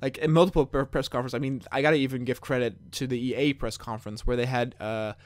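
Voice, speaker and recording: A man's voice: medium pitch, steady tone, fast talker, no room sound. Man with a dry, close sound. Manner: rambling, repeats words while thinking. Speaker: podcast co-host. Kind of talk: casual chat.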